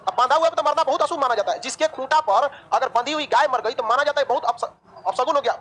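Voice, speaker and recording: A woman teaching a history class, lively and joking, asking the class questions and answering them herself. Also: high voice, fast talker, poor audio. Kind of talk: online class lecture.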